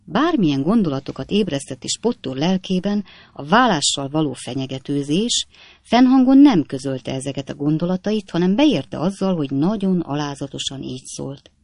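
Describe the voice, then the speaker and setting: A woman narrates a classic novel as an audiobook in an even, measured storytelling manner. Her voice sits on the lower side, and the recording is dry and close with no room echo.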